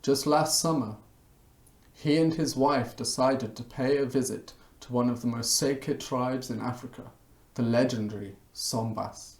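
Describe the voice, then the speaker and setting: A man giving a hammy, theatrical dramatic reading like a stage actor, with dramatic pauses and swells. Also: medium pitch. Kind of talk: dramatic reading of a spam e-mail. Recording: echoey, roomy sound.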